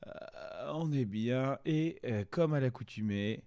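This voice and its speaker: A man's voice: mid-range voice, takes it slowly, mellow, clean tone, no room sound, studio quality. A man doing casual, exasperated and crude mocking commentary as a video host.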